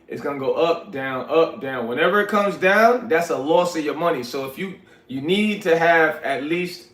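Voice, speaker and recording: A man from Liberia hosts a relaxed livestream, reading chat and chatting slangily with viewers he calls "y'all." His slightly high voice is animated and a bit bright at a moderate pace, captured with a roomy, echoey sound.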